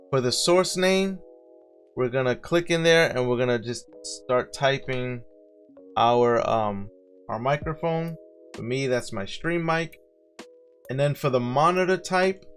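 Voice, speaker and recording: A man with a Brooklyn accent hosting a casual software tutorial, friendly and walking viewers through each step. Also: mid-range voice. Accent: Brooklyn New York. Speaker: streaming tutorial host.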